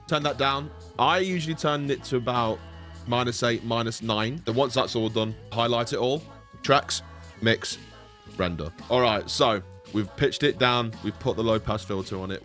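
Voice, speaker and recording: In a small bedroom, a man in his twenties speaks close to a desk boom-arm microphone while hosting a casual, jokey software tutorial. His medium-pitched voice is a bit bright, and his manner is playful, sweary and mock-teasing.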